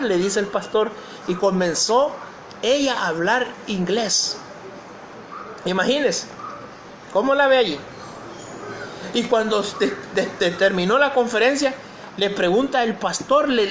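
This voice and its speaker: A man's voice: sits high, a bit bright, slight background noise. A male pastor preaching a sermon, posing questions to the congregation and reading scripture aloud.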